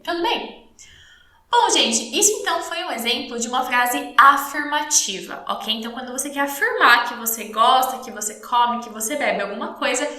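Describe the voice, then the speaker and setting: A Brazilian woman teaching English in a live online class, lively and encouraging, slowing down to model English phrases. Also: a little high, reverberant. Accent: Brazilian Portuguese.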